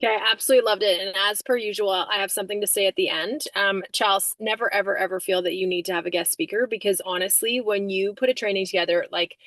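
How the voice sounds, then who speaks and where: A woman's voice: mid-range voice, fairly even intonation, fast, hardly any pauses, a bit bright, no echo. A woman leading a team video call, giving a casual motivational talk full of "like" and "um". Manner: chatty, many fillers like "like" and "um". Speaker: team leader.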